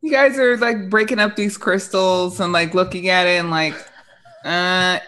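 A young woman narrating an improvised tabletop game as dungeon master, conversational and halting, on a headset call. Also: on the low side, steady tone, a bit bright, poor audio. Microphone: headset on a video call.

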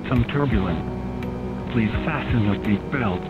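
A flight attendant man giving a steady, formal cabin announcement over the aircraft loudspeaker. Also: on the low side, unhurried. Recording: tinny PA line with loud music.

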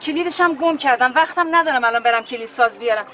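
A woman's voice: sits high, bright, forceful tone. An actress playing an anxious middle-aged mother who pleads in distress. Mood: begging.

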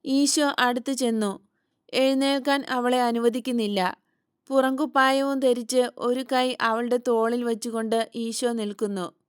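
A woman narrates an audiobook at a slow, measured pace. Her voice is smooth and clear with a slightly high pitch. The recording is close and dry. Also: steady tone, dry recording.

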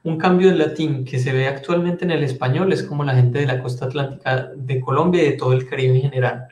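A man's voice: mid-range voice, fairly even intonation, a little fast, a little mellow, echoey room. A man teaching French in an online class, explaining patiently and switching between Spanish and French.

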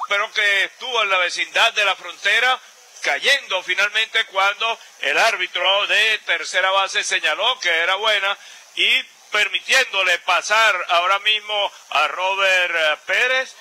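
Male color commentator, high pitch, very sharp bright tone, halting live baseball analysis.

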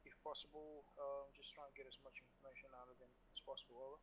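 A man giving halting, procedural military orders by radio in a game. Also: medium pitch, little pitch movement, background noise. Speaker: player acting as section commander.

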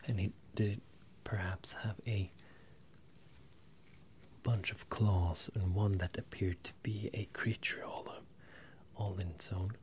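Speaking close to stereo microphones placed ear to ear, a young man in his 20s murmurs low and whispers breathily as an apologetic, bemused wizard professor addressing his student. His halting, in-character tone stays steady, with a little hiss or hum underneath.

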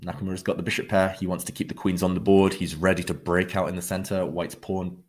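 A man giving live chess commentary as a commentator, in measured, dramatic short phrases. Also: sits low, little pitch movement, a little mellow.

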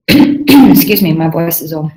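A young woman from Sweden, a UI designer answering questions on a video call, chatty and rambling, often clearing her throat. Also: fairly low pitch, animated, takes it slowly, a little mellow, low-quality recording. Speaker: guest UI designer. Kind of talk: casual online Q&A.

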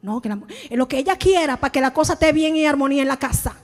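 A woman pastor preaching a sermon in a church, animated, often acting out the voices of church members. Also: high voice, racing, in a large hall, soft background music.

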